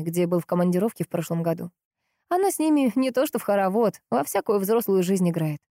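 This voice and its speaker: A woman narrating an audiobook with steady, measured pacing. Her voice is mellow and warm. The recording is dry and close, with no room sound. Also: mid-range voice, no echo. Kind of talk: scripted narration.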